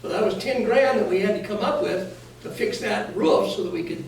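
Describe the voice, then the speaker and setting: Here a gravelly, high-voiced American man talks fairly quickly while answering residents as an official at a community gathering, keeping his explanations plainspoken and folksy. A far-off mic in the echoey indoor meeting room picks up faint noise.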